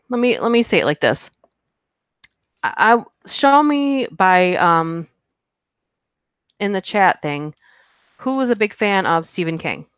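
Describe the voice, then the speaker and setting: On her live stream, a horror narration channel host reads viewers' comments and chats casually, rambling with many fillers and giggles. Her mid-range, smooth voice swings widely in pitch, and she speaks slowly, pausing often. The studio-quality audio carries no room sound.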